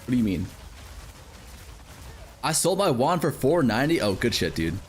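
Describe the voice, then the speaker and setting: A man's voice: mid-range voice, very animated, moderate pace, slight background noise. A man streaming a game live, chatting casually, cursing and joking while he reads out chat messages.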